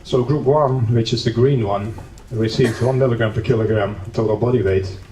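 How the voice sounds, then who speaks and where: A man from the Netherlands explains his material steadily, with some dry humor, during an academic conference lecture in a conference hall. His voice is medium-pitched, warm, and steady, moving at a moderate pace. The hall echoes, the mic sits far away, and faint noise is audible.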